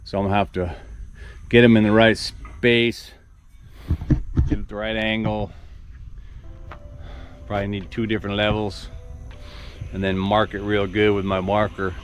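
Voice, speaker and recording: A man's voice: fairly low pitch, little pitch movement, a little slow, long pauses, faint music behind. A man in his sixties casually thinking aloud as he plans a build on his farm, rambling with many restarts. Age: 60s. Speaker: farm vlogger. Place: outdoor construction site on a farm.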